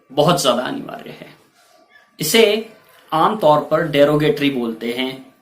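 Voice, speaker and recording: A man teaching English vocabulary and pronunciation in a bilingual lesson, explaining slowly and repeating key words with stress. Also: medium pitch, a bit bright, roomy sound.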